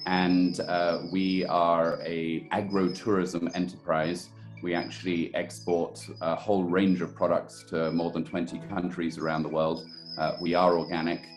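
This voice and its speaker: A man in his later years with a very low voice, speaking in a measured, thoughtful way and often pausing on "uh" as he gathers his thoughts. Faint music sits quietly under the recording. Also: flat delivery. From born in Sri Lanka, raised in India. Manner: measured, thoughtful, many fillers and pauses. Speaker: guest, chamber committee head and organic estate director. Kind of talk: webinar interview answers.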